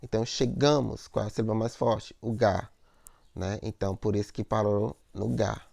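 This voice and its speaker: A man's voice: lowish voice, fairly even intonation, moderate pace, gravelly, a little mellow, no room sound. A man teaching a lesson on poetic meter, explaining step by step, repeating words, and checking in with "né?" and "ó".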